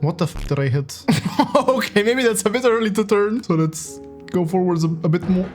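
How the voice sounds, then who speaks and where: A man's voice: sits high, animated, normal speed, faint music behind. A young man streaming and commenting on a driving game in a casual, joking way, swearing often and laughing at his own crashes.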